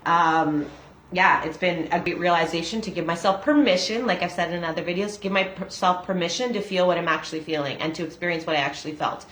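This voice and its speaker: Reading a daily meditation for a casual video, a woman in her 40s mixes the text with chatty, self-disclosing reflections on her life, laughing and filling pauses with fillers often. She speaks a little fast in a lowish, fairly bright voice, and the room has an echo.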